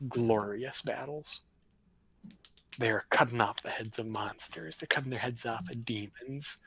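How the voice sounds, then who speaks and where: A man narrates a tabletop campaign as the game master on a livestream. His voice is gravelly and a little husky. He tells the story loosely, drifting through fillers and asides. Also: medium pitch, a bit bright, poor audio. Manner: casual, rambling narration with fillers.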